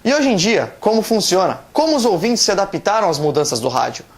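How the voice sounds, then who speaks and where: Brazilian presenter with a medium-pitched voice. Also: very animated, brisk, faint music behind. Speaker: programme presenter. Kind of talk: scripted presenting.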